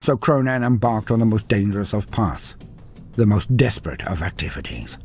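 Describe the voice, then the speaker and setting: Faint music plays behind this scripted fantasy narration, delivered at a moderate pace by a man whose lowish voice is creaky and a little mellow. He reads expressively and dramatically, his voice climbing and dipping through the story.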